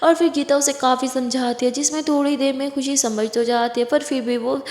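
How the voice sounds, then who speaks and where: A woman narrating a spoken love story with a high voice and a chatty, lively telling. The room is echoey, with a long reverb hanging after her words. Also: fairly quick.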